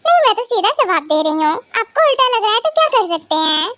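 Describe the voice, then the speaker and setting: A woman voicing a cheeky, sharp-tongued young wife who teases and mocks her husband in a hobby audio drama. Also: extremely high pitch, sing-song, dry recording, heavily acted. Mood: teasing. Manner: teasing, mocking, quick comebacks.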